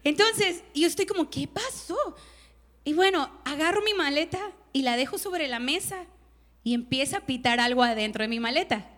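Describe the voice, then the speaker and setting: A woman's voice: sits high, a little fast, a little hiss or hum. A woman pastor, telling a personal story in a conference sermon and acting out the voices of the people in it. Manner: animated storytelling, laughing, acting out quotes. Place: conference stage.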